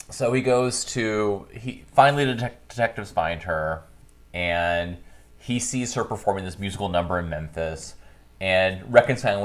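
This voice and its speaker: A man co-hosting a casual podcast chat, telling stories in an animated way and laughing often. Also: deep voice. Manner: animated, chatty storyteller who laughs often. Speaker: podcast co-host.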